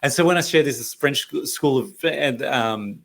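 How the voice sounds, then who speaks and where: A man's voice: mid-range voice, normal speed, creaky, a bit bright. An Australian man presenting a leadership workshop over a video call, chatty and anecdotal, often laughing. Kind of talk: interactive online workshop talk.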